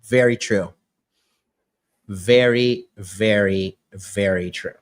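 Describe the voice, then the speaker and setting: A man's voice: lowish voice, steady tone, slow. A man in his late thirties hosting a podcast, talking in a brash, crude, boastful way. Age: 30s. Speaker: podcast host. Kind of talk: casual podcast chat.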